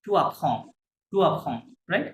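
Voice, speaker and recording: A man teaching a language class, patiently repeating words for his students to copy. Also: extremely slow. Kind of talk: classroom lesson. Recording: echoey room, faint hiss.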